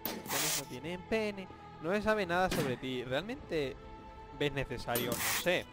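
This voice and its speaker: A young man with a Spanish accent talks through a Minecraft session in a slightly high voice, joking along and breaking into sudden yelps and shouts. Game music plays clearly behind him the whole time. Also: unhurried. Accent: Spanish (Spain). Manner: jokey, excitable, yelps and shouts at surprises. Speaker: gaming YouTuber. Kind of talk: Minecraft let's play commentary.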